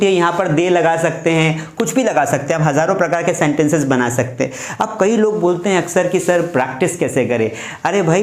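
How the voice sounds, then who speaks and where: Brief: male teacher, voice pitched a little high, patient step-by-step explainer, echoey room. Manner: explains step by step, repeats examples. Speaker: English teacher. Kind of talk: classroom grammar lesson.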